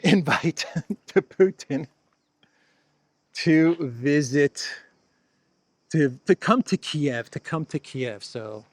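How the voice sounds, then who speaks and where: A man's voice: a little high, dry recording. A man giving casual solo commentary as host, chatty and sarcastic, with many fillers and restarts, laughing at his own jokes.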